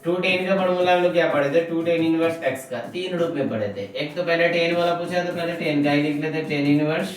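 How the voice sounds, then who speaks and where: A man's voice: on the high side, fairly even intonation, moderate pace, hardly any pauses. A man teaching an exam-prep math lecture, posing questions to his students and answering them himself, and fondly calling them "babu". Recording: very echoey room, mic set far off.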